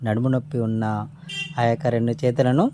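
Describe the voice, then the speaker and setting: A man giving spoken meditation instruction in a calm, unhurried way, pausing between short phrases. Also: mid-range voice, slight background noise. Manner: respectful formal greeting. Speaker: meditation teacher.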